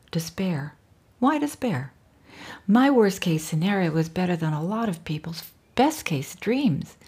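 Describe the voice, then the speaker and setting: A middle-aged woman reading aloud from her own memoir in a wry, dryly humorous way, often dropping into soft whispers. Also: fairly low pitch, slightly rough. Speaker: author reading her book.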